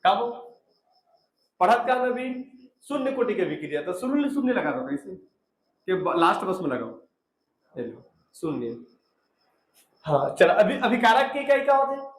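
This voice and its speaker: A man's voice: high-pitched, very animated, a little slow, pauses often, roomy sound. A man teaching a chemistry class, repeating answers and prompting his students. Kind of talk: classroom lecture.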